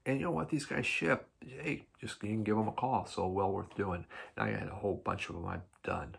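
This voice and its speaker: A man hosts a record collecting video, casually reviewing albums in a rambling, filler-heavy way and sounding enthusiastic about records. His lowish voice is brisk and gravelly with a breathy edge.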